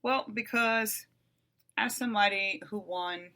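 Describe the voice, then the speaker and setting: A woman's voice: medium pitch, takes it slowly, sharp tone. A woman in her forties from the United States, hosting a podcast solo and talking bluntly, swearing freely and repeating phrases for emphasis. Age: 40s. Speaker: podcast host. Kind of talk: casual solo podcast monologue.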